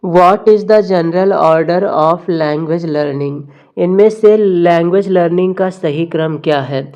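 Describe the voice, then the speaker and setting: A woman teacher, going through exam questions, reading the slowly and explaining in Hindi. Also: lowish voice, dark tone, highs cut off. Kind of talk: exam MCQ lesson.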